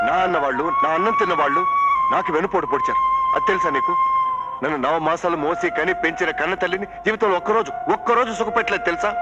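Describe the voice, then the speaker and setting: An actor playing a struggling film director, pleading emotionally and shouting in anger in a film drama. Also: male voice, high voice, dull audio. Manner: impassioned pleading turning to angry shouting. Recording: film soundtrack with loud music.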